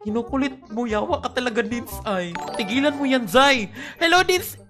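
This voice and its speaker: A woman's voice: fairly high pitch, moderate pace, music in the background. A young woman chatting casually on a game stream, greeting viewers by name with sudden shrieks, tired and with a headache. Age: young adult. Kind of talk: casual live-stream chat.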